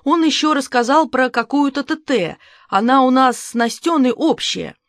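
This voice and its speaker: A woman voicing a loud, boisterous middle-aged father in an audiobook who shouts with joy. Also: sits high, animated, normal speed, no room sound, studio quality. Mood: jubilant.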